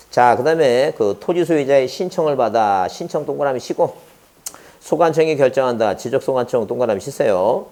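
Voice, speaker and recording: A man's voice: medium pitch, mellow. A man lecturing a law exam class, firing rhetorical questions and answering them himself while repeating key terms.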